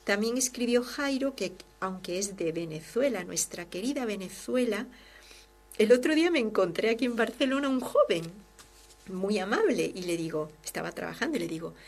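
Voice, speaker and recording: Religious sister, host, fervent and expressive, reads listener mail warmly. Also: female voice, mid-range voice, normal speed. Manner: fervent, expressive, swings from loud to hushed. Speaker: religious sister hosting a devotional program. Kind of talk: devotional talk and reading listener letters.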